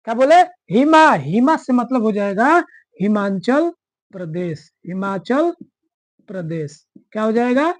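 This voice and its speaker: A woman's voice: medium pitch, very animated, slow pace, no echo. A woman teaching map mnemonics, who keeps asking the class questions and answering them herself. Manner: drills answers by repeating them.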